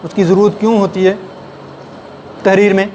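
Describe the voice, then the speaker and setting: Male writing teacher, higher voice, quizzing the class, faint hum behind. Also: level tone, darkish tone. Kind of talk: classroom lecture. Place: classroom with a board.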